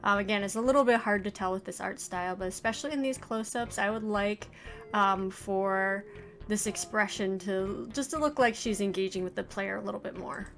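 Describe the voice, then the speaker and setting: Her voice is mid-range, slightly bright and a little fast as this woman in her forties, an indie developer hosting a let's play, shares casual first reactions to a game. Her thoughts come out hesitant and trailing, with game music in the background.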